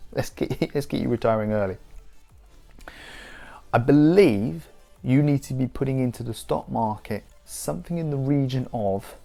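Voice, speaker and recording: A man's voice: mid-range voice, dark tone. A man in his thirties explaining investing casually to camera, rambling with frequent restarts. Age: 30s. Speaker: investing YouTuber.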